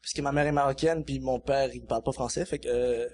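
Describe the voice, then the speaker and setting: A man's voice: mid-range voice, fairly even intonation, brisk, a little mellow. A man with a Quebec French accent, a comedian guest on a podcast, telling meandering stories with laughter and casual swearing.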